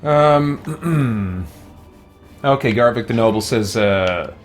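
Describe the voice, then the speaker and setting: With soft music in the background, a man who's a game streamer and YouTuber gives casual commentary on a livestream, thinking aloud, reading chat, and answering his viewers in a rambling way. His mid-range voice has lively intonation, and he takes things slowly.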